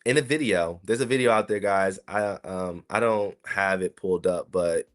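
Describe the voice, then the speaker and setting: A man's voice: low-pitched, normal speed. A man from South Carolina, hosting a casual solo podcast and talking to his listeners in a chatty, rambling way. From South Carolina, USA. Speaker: podcast host.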